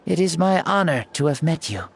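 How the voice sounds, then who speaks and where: Voicing a video game character, an ancient fire-god spirit in a boy's body, the actor sounds grandiose, playful and theatrical, using old-fashioned phrasing in a jaunty, chatty mood. Here the pitch is medium with lively intonation and a slightly fast pace, plus vocal fry and a breathy edge. Music sits under the voice.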